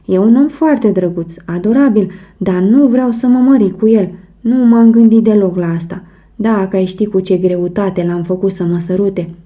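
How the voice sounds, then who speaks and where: A flustered young woman, curt and exasperated, voiced by a woman narrating an audiobook. The voice is dark and mellow, and the recording sounds slightly muffled. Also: medium pitch, close to an everyday voice.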